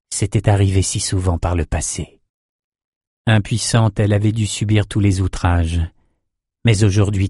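A man with a lower voice reads a fantasy audiobook in a steady, measured way. The sound is dry and close, with no room around it. His delivery stays even throughout. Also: husky, no echo. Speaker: audiobook narrator. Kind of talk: scripted fantasy narration.

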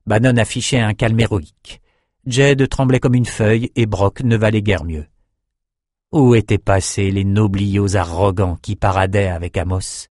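A man reading fantasy narration in a steady, measured way. His voice sits low, and the recording is dry and close with no room sound. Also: no room sound. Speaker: audiobook narrator.

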